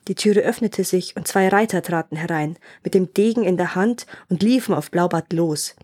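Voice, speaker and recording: A woman storyteller hosting a podcast, reading an old fairy tale aloud in a calm, measured way. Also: medium pitch.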